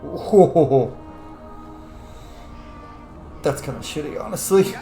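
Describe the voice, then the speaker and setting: Over music, in an echoey room with faint noise, a man with a somewhat high voice and lively intonation speaks slowly. He hosts a playthrough with casual, sweary commentary, often muttering to himself as he plays.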